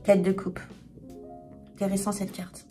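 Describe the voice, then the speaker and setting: A woman chatting candidly to camera as a tarot reader, talking frankly and often pausing to search for words. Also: mid-range voice, monotone, warm tone, soft background music. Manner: hesitant, many filler pauses, frank and confiding. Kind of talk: candid casual vlog chat.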